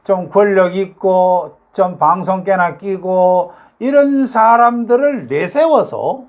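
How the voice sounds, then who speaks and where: Slow and high-pitched, this older YouTube talk host speaks casually to his viewers with a Gyeongsang Korean accent. He's from North Gyeongsang, South Korea, and his talk wanders, packed with fillers and rhetorical questions.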